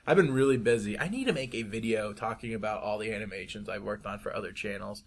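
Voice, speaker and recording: A man's voice: fairly low pitch, fast. Rambling young man doing drawing commentary. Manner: rambling, chatty, frequent restarts. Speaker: YouTube artist.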